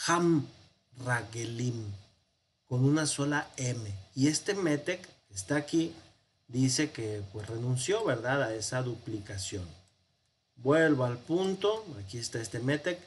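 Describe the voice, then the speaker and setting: A man's voice: mid-range voice, a little hiss or hum. A man with a Mexican Spanish accent teaching a Hebrew grammar lesson, explaining patiently with fillers and frequent check-ins with his class.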